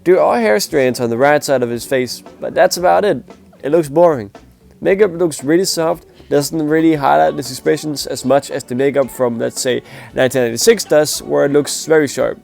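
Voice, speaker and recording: Gravelly and darkish, this man's fairly high voice keeps a moderate pace with faint music behind it. Though he sounds sick and nasal, the music performance reviewer is blunt and opinionated, scoring acts in a casual spoken video.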